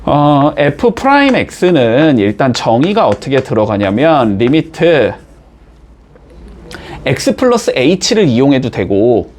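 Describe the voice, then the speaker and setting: Man, math teacher, classroom lecture, lively swooping pitch, keeps checking in with students. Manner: checks in constantly with quick rising tags.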